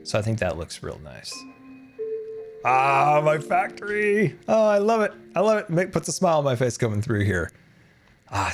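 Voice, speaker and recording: While playing a game on a live stream, an excitable, talkative man with a mid-range voice chats casually and keeps thanking his viewers.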